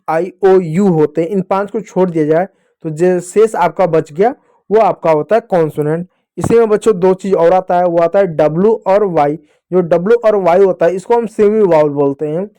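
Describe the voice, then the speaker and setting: A man's voice: high voice, mellow, no room sound, clean studio sound. Patient man teaching phonics to children. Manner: patient, repeats rules with call-and-answer questions.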